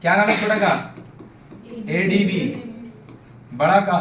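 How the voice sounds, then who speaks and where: High-voiced male teacher quizzing a class. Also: slow pace, a crowd in the background. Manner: quizzes the class constantly, asking for yes or no answers. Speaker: math teacher. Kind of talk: classroom lesson. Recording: echoey classroom taken from far off. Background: students in the room.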